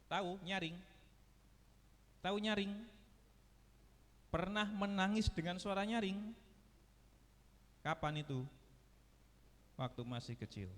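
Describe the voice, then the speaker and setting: A male pastor delivers a sermon in a high, unhurried voice, rising loud and dropping low as he asks his listeners questions. The sound carries the long reverb of a church hall. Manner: preaching with sweeping swings of pitch and volume, asking the congregation questions.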